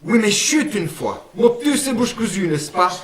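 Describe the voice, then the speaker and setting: A man's voice: high-pitched, very animated, a little slow, a crowd in the background, pitched above the performer's own voice. A man voicing a friendly male guardian angel with a Brussels accent, homely and fond of saying "une fois" and "hein". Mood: kindly. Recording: roomy sound, mic at a distance.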